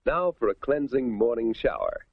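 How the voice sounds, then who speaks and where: A man's voice: mid-range voice, huge pitch swings, normal speed, vocal fry, husky, no room sound, narrow, tinny audio. An American man narrating a 1950s instructional film from a script, folksy and instructive, on a vintage soundtrack. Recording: thin, band-limited vintage film soundtrack.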